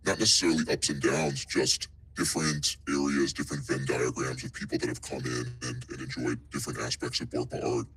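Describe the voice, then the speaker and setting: Man through a deep pitch-shifting voice changer. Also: a bit bright, slightly rough, low-quality recording. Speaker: NFT art project representative answering questions. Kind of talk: casual online Q&A answers.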